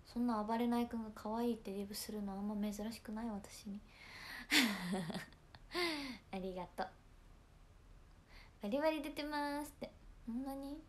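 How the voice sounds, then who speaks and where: A young woman from Hiroshima with a Hiroshima accent, chatting casually on a livestream and often dropping into soft whispers between giggles. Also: a little high, normal speed, long pauses, a little hiss or hum. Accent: Hiroshima Japanese. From Hiroshima, Japan. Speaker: idol livestream host.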